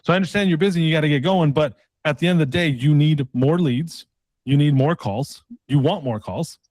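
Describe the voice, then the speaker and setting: A persistent sales coach role-plays a mock sales call pitch, sounding pushy and leaning on tag questions and casual, colloquial phrasing. His voice sits on the high side, is a little mellow, and moves fairly quickly. The sound is dry and close, with no room sound.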